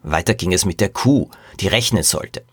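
A man hosting a podcast, reading a children's mystery aloud as a lively storyteller and talking about the books. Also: sits low, normal speed, husky, no echo. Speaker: podcast host and author.

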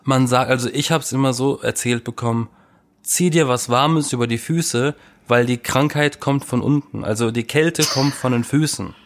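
A man's voice: mid-range voice, moderate pace. A man with a cold and sore throat, chatting casually and telling jokey home-remedy stories. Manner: joking, animated storytelling. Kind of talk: casual chat.

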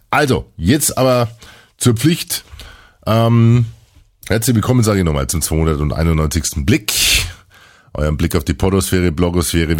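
Low, slightly hoarse male podcast host. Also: a little mellow. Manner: chatty, loose, with frequent fillers. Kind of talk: casual podcast chat.

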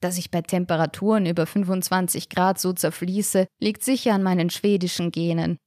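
A woman narrates a first-person story aloud with a lively, wry delivery. Her voice sits fairly low, and the recording is close and completely dry. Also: a little fast, dry recording. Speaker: audiobook reader.

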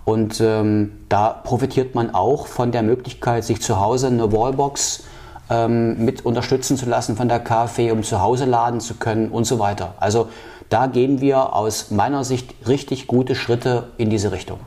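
In this clip, a male political candidate fields policy questions in an interview. His mid-range voice is warm and steady, yet he speaks haltingly, often using fillers and starting sentences over.

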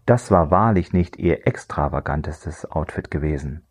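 A man narrating a crime thriller audiobook in a measured, dry storytelling voice. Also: rumbling low, breathy edge.

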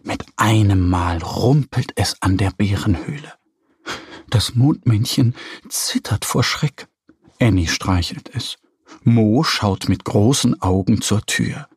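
Slow, husky male storyteller. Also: lowish voice, no room sound, studio quality. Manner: calm, expressive storytelling. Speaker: narrator. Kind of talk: children's story reading.

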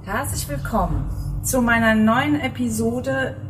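A middle-aged woman hosts a podcast interview from an outdoor terrace, speaking casually with lots of fillers and restarts. Her voice sits a little high and moves at a measured pace, picked up far from the mic. People and cars pass in the background, and music plays during the intro.

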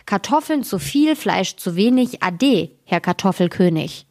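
A woman voicing a tiny, cheeky tailor's son who calls out in bold, teasing shouts in a storybook reading. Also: medium pitch, animated, unhurried, no echo, clean studio sound.

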